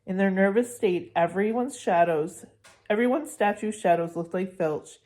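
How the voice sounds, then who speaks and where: Woman, narrator, storybook read-aloud, steady, expressive, mid pitch. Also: normal speed.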